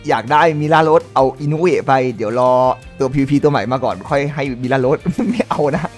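A man hosting a gaming channel, chatting to viewers in a casual, excitable way as he opens gacha pulls. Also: fairly high pitch, brisk, faint music behind. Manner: excitable, exclaims and laughs at pull results; chatty, addresses viewers directly. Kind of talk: casual gacha pull commentary.

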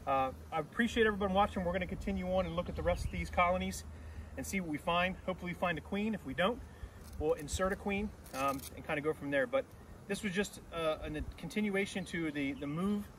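A middle-aged man walks through a hive inspection out in a yard, explaining each step plainly as he works. His voice sits a little high for a man and comes from a few steps off the camera mic. A faint outdoor hum runs under him. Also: quick pace, fairly bright tone. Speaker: beekeeper. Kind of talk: hands-on teaching demonstration. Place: outdoor apiary on a grassy yard. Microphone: camera mic a few steps away. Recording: distant outdoor camera audio.

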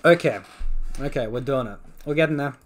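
A man's voice: medium pitch, moderate pace, faint music behind. Man thinking aloud over a card game. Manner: thinks aloud about each play, swings from groans to relieved excitement. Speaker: card game player commentating his own match. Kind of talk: casual live gameplay commentary.

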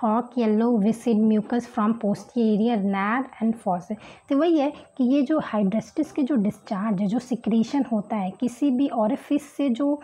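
Woman, homeopathy lesson, reads terms slowly, explains, okay-okay, slightly high, husky. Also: mellow, rough recording. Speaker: homeopathy teacher. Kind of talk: explaining a textbook in mixed Hindi and English. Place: indoors at a table, book and pen on camera.

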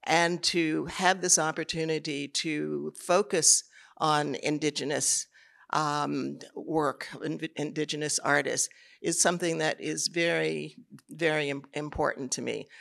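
A man speaking on a conference panel about arts programming, measured and thoughtful, often repeating words as he builds his points. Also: on the high side, vocal fry, fairly bright tone. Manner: measured, frequent word repeats.

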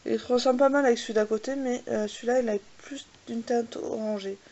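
A slightly high, steady, somewhat mellow voice comes through a muffled recording as she swatches makeup for her vlog. She hesitates a lot, fills gaps with "euh," says "voilà" again and again, and makes fun of her English pronunciation in little asides.

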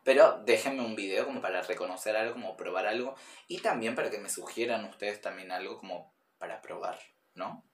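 A man with an Argentine accent hosts a casual reaction video, rambling along with plenty of fillers and talking straight to his viewers. His voice sits fairly low, and the room around him is echoey, with a faint noise underneath. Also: fairly quick. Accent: Argentine Spanish. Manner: rambling, many fillers, addresses viewers directly. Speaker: YouTube reaction host.

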